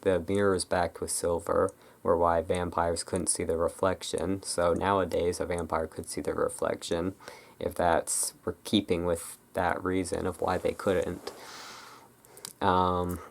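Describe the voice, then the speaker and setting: Slow, low, creaky rambling ASMR creator. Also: flat delivery. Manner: rambling, hesitant, trailing off. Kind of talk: casual improvised ASMR chat.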